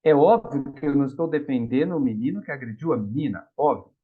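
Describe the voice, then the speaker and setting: A man's voice: mid-range voice, fast talker, breathy edge. A middle-aged man with a Brazilian Portuguese accent giving a spiritist lecture, telling stories and acting out the voices in them. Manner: animated storytelling, acts out quoted voices. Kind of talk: public lecture on the gospel. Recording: dull lo-fi recording.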